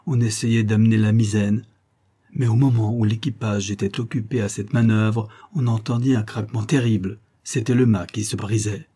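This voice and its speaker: Mellow husky male storyteller. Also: lowish voice, normal speed. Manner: steady, dramatic literary reading. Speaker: audiobook reader. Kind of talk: scripted narration.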